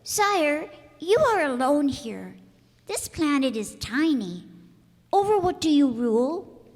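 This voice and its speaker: A woman's voice: high voice, big pitch swings, slow pace, darkish tone, heavily acted. A woman playing a curious, innocent little boy prince in a radio play, earnest, candid and wide-eyed. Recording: echoey hall, long reverb.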